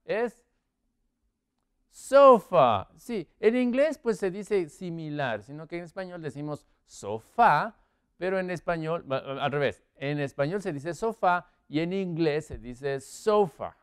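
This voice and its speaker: A man teaching English vocabulary, quizzing viewers with multiple-choice options and drawing out the English words slowly for pronunciation. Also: on the high side, darkish tone, clean tone. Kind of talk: English vocabulary lesson in Spanish.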